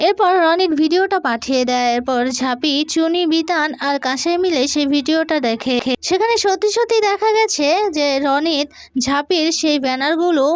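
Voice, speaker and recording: A woman narrating a television serial synopsis as a steady retelling that keeps cueing each speaker. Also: sits high, moderate pace, no room sound. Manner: steady retelling with repeated cues.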